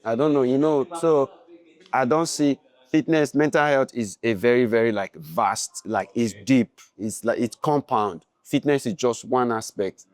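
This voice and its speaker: A man's voice: mid-range voice, unhurried. A man speaking as a podcast guest in casual chat, emphatic and often checking that he is understood. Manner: emphatic, keeps asking "you understand?".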